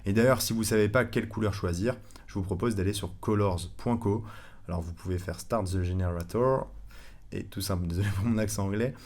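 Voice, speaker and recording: A man giving a casual screen-recorded tutorial, chatty and relaxed, with many fillers and self-corrections. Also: lowish voice, fast talker. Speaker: online course instructor.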